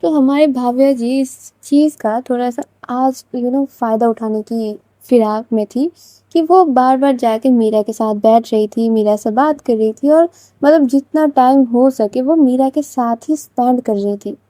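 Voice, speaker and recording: This is a woman narrating a serialized story in a casual, chatty way, speaking straight to her listeners. Her voice is high and very dark and mellow in tone. The recording is dry and close, with no room sound. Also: unhurried, no echo.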